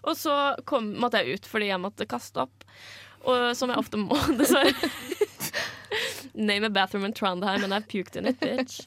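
A woman's voice: medium pitch, a bit bright, no room sound. A young woman in her twenties hosting a radio show, telling candid, self-mocking stories in casual chat. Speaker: radio host. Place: radio studio.

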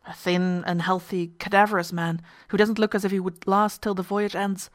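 A woman's voice: mid-range voice, little pitch movement, normal speed, close to an everyday voice. A woman voicing a robust, businesslike male passenger who speaks in an indignant, demanding way.

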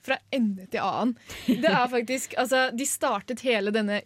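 A woman's voice: a little high, dry recording. Giggly woman co-hosting a radio chat. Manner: giggly, rambling explanations. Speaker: radio co-host. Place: radio studio.

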